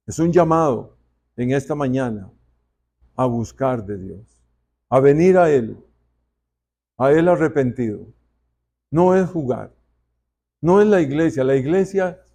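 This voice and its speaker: A male pastor preaches at an unhurried, drawn-out pace, his voice pitched a little high. He keeps turning to the congregation with rhetorical questions, as if in conversation with them. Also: mellow. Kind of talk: sermon. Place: church.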